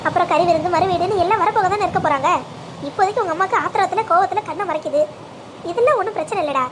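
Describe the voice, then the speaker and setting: Woman voicing a calm, reasoning father. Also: very high-pitched, very fast, a little hiss or hum, low-quality recording. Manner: soothing, persuasive, takes blame. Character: calm, reasoning middle-aged father, man.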